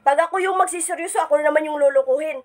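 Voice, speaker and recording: A woman's voice: high-pitched, rapid-fire, a little mellow, close to an everyday voice. Woman playing a teasing teen boy. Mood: careless. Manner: teasing, careless banter. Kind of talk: comedy skit acting.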